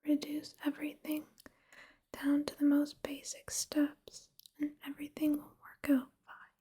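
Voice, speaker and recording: A woman giving a whispered ASMR pep talk, speaking gently and reassuringly in a soft, unvoiced whisper. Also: sits high, monotone, measured pace, slight background noise.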